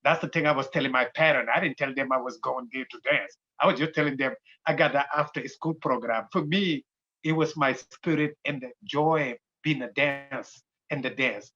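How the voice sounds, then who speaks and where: A man in his sixties with a Senegalese accent, a dance company founder telling his life story in a halting, unhurried way with many fillers. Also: mid-range voice, sharp tone. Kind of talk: personal interview storytelling. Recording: dull lo-fi recording.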